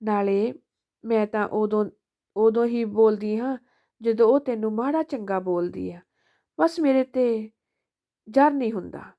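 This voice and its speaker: A woman voicing an elderly mother who speaks softly and forgivingly to her son, in a storybook reading. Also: a little high, measured pace, long pauses, muffled recording. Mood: pleading. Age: older.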